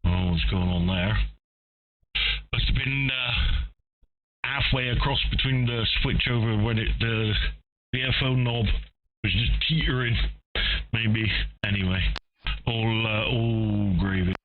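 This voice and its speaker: A man's voice: on the low side, fairly even intonation, a little slow, long pauses. A man, a ham radio operator chatting casually on air in a jokey, rambling way. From England. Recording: narrow radio-band audio, faint hiss.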